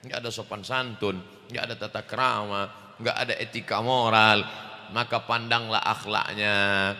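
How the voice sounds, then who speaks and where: Bapak ustadz ceramah lucu, suaranya keras menggelegar dan tajam, gema aula panjang. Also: male voice, steady tone, unhurried. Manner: loud booming voice. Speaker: preacher. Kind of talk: humorous sermon. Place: large mosque. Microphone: handheld microphone. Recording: echoey hall reverb.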